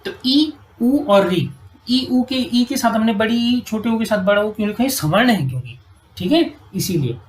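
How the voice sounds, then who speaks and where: A woman teaching a Hindi grammar lesson at a whiteboard. She often checks "ठीक है", asks the class questions and answers them herself, and spells out sounds slowly. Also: on the high side, expressive, rough recording.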